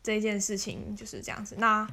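A woman's voice: mid-range voice, flat delivery, fairly quick, pushed and bright. A woman, casually telling stories as a podcast host, chatty and laughing often. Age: 20s. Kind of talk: casual storytelling monologue.

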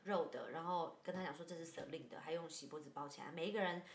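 A woman's voice: low voice, fast. A woman in her thirties from Taiwan, co-hosting a podcast in casual chat and acting out the lines of the people in her story. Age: 30s. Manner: animated storytelling, acts out quoted lines. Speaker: podcast co-host. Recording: roomy echo with faint background hum.

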